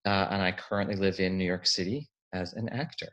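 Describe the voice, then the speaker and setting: A man's voice: deep voice, steady tone, fairly quick, fairly bright tone, highs cut off. American man chatting casually on a video call. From United States. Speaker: actor. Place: home room, indoors.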